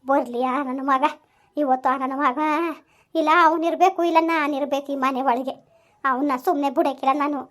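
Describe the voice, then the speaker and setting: A woman's voice: high-pitched, fairly even intonation, normal speed. A woman playing a coaxing village mother-in-law. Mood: indignant. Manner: coaxing, repetitive, forceful when threatening her son. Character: scolding but caring village mother-in-law. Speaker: mother-in-law in a family skit, also addresses viewers. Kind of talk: village family drama acting.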